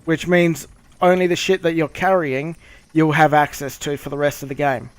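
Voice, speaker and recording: A man streaming a game, chatting casually and explaining things with swearing and halting pauses. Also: a little high, fairly even intonation, clear, resonant tone, dry recording. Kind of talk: casual gameplay commentary and chat.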